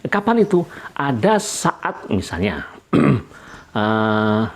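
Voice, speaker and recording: A man's voice: on the low side, very animated, slow pace, a little hiss or hum. A middle-aged man from Indonesia giving an academic lecture, explaining in repeated restatements with frequent fillers.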